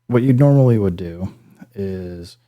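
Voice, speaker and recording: Warm-toned and animated, this man speaks at an unhurried pace. He's running a casual music gear tutorial, working through it hands-on while musing aloud, hesitant and quick to poke fun at himself. Demo sounds from a synth pad and bass samples fill the background.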